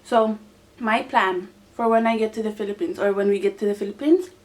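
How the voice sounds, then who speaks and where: A young woman hosting a casual mukbang, chatting excitably to viewers as she eats. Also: medium pitch, brisk. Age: teenager to young adult. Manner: excitable, exclaiming, talking to viewers while eating. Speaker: mukbang host. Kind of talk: casual mukbang eating chat to camera.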